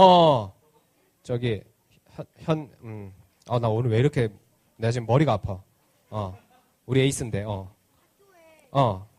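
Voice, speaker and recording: A man giving an interactive children's sermon at a church service, teasing the kids playfully and asking them lots of questions. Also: medium pitch. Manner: asks the children many questions. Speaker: children's pastor.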